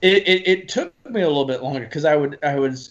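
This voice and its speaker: A lively man from Alabama talking casually as a podcast guest. He slips into voices to act out stories, his pitch jumping around. The audio is slightly dull. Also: quick pace. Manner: animated, slips into voices for quotes. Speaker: guest actor. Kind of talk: casual chat.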